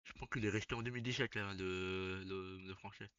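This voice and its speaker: A young man, chatting casually on a live stream as he reacts, swearing and breaking into loud laughs. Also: low-pitched, fairly even intonation, a little fast, muffled recording, soft background music. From Belgium.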